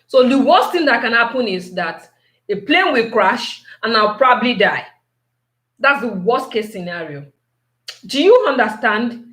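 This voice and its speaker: A woman giving a motivational talk, slow and repetitive, asking her listeners many questions. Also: medium pitch, fairly bright tone, reverberant.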